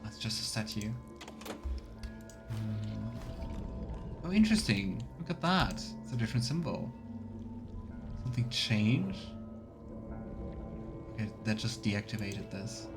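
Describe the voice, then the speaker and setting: A streamer thinks aloud and murmurs to himself while giving casual let's play commentary on a fantasy role-playing game, with game music behind him. He takes it slowly, pausing often, in a lowish voice with lively intonation.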